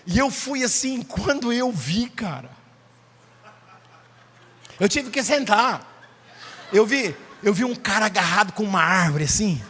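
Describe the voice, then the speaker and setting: A man's voice: sits high, sharp tone, long reverb tail. A Brazilian man, a pastor, telling a story in a sermon and acting out the dialogue with animation. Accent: Brazilian Portuguese. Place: church.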